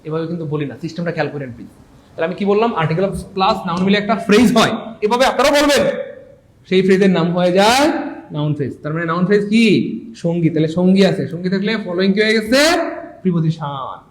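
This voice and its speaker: A man's voice: sits high, lively intonation, fast, roomy sound, rough recording. A man teaching English grammar in a playful, teasing live lesson, often repeating his words.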